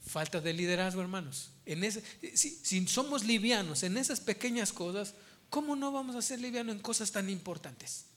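A man's voice: high-pitched, lively intonation, normal speed, fairly bright tone. A man preaching a sermon as pastor, emphatic and repeating his key phrases.

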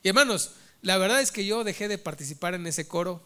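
Male preacher, bright, tense tone, storytelling sermon. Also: high voice, lively intonation, a little fast, smooth. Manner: storytelling, addresses listeners as brothers.

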